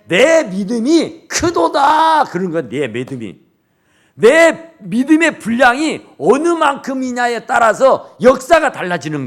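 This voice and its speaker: A middle-aged male pastor preaching a sermon emphatically in a church, acting out the dialogue of the people in his story. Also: high-pitched. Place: church sanctuary. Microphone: TV camera recording.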